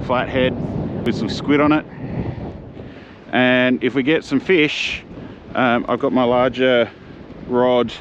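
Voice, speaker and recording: An Australian fishing vlogger with a medium-pitched voice films himself from a seaside jetty, chatting in a relaxed, laid-back way full of slang. The first-person camera-mounted mic gives dull outdoor audio with wind noise, and wind and water sound in the background.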